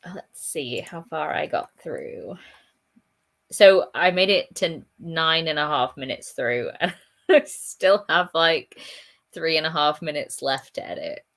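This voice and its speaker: A woman's voice: low voice, lively intonation, a little slow, fairly bright tone. A young woman co-hosting a writing stream, chatting casually and laughing often, with lots of "like". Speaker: co-host. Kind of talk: casual chat during writing sprint.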